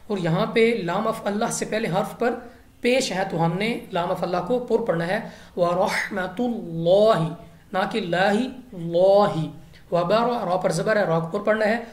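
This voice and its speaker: A woman teaching Quran recitation rules in a patient, step-by-step way. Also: medium pitch. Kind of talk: recitation lesson. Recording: echoey room.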